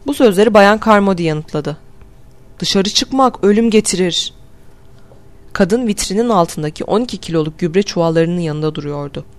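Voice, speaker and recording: A woman reading a novel aloud as a steady, measured audiobook narration. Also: lowish voice. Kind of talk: scripted narration.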